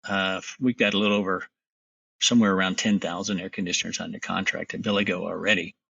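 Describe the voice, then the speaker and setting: A man's voice: low-pitched, steady tone, quick pace, vocal fry, bright, forceful tone, slightly rough, no echo, distant mic, lo-fi sound. A middle-aged man, a company founder, talking confidently and emphatically as a guest in a business interview.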